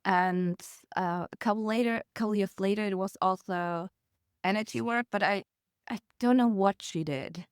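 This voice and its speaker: Smooth, dry-voiced woman guest. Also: mid-range voice, normal speed, no echo. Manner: storytelling with laughs and acted quotes. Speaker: podcast guest. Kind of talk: casual conversational interview.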